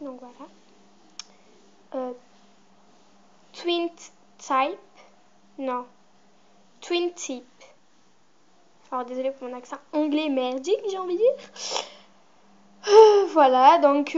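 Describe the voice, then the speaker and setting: Teen girl vlogger, high-pitched and rambling, muffled home recording. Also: a little mellow. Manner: chatty, rambling, with many fillers. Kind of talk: casual show-and-tell vlog.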